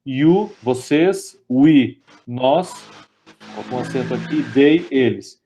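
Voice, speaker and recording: A lecturer with a Brazilian Portuguese accent teaches grammar in a webinar, his medium-pitched voice animated and warm with a breathy edge. His explanations go step by step, and he reads out the English examples at a slow pace.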